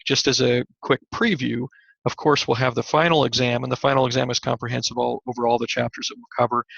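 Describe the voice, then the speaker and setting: A man teaching a recorded online class, slightly hoarse and scratchy, talking in a conversational way with many fillers and restarts. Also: medium pitch, fairly bright tone, no room sound, dull audio. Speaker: college instructor.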